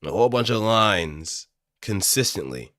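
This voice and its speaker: An amateur voice actor chats casually on his own while practicing voice lines, rambling a little into a close studio mic running through an audio interface. His voice sits on the low side, expressive and sharp-toned, a little slow, with no room sound.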